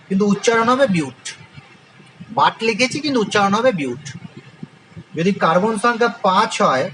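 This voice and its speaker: A man's voice: high voice, a bit bright, slight background noise, poor audio. A man teaching a chemistry lesson with a Bengali accent, spelling out terms letter by letter and asking and answering his own questions. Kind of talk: classroom lecture.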